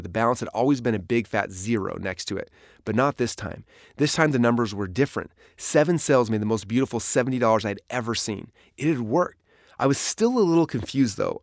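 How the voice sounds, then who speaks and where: The narrator, a man with a mid-range voice, reads his own memoir for an audiobook in a storytelling manner that is sometimes dramatic. It is recorded at studio quality with no room sound.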